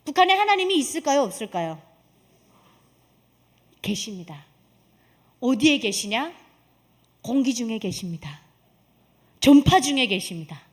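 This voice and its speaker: A woman's voice: on the high side, very animated, measured pace, pauses often. A woman from Korea, giving an emphatic church testimony with rhetorical questions to the congregation. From North Korea.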